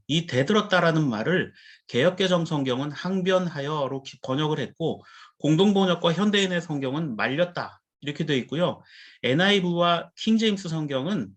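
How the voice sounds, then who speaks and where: A male pastor preaching a sermon, explaining Bible words and putting questions to the congregation. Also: a little high.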